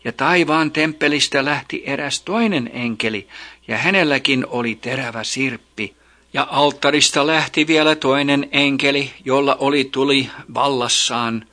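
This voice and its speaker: A man giving a steady, solemn scripted reading of a scripture chapter. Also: medium pitch. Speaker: Bible reader.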